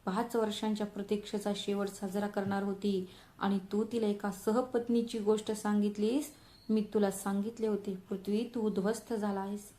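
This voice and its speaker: A woman's voice: medium pitch, little pitch movement, moderate pace, dark tone, close to an everyday voice. A woman voicing an older mother who speaks to her son in a trembling, tearful way, in a storybook reading. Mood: grieving. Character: grieving older mother, tender and reproachful. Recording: roomy echo.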